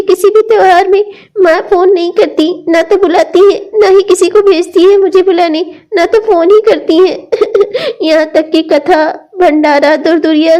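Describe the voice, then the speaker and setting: A woman's voice: extremely high pitch, warm tone. A woman voicing a young married cartoon woman who complains that her mother never invites her. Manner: plaintive, with bitter little laughs. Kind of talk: cartoon dialogue acting.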